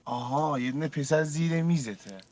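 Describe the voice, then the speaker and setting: A man's voice: on the high side, darkish tone, slight background noise. A man flirting persistently with a stranger on a video chat. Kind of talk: casual chat.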